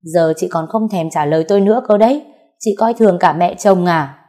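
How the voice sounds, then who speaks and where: A woman voicing an aggrieved older mother-in-law who wails and accuses in a shrill, self-pitying way in a storybook reading. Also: a little fast, mellow, natural voice. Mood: scornful.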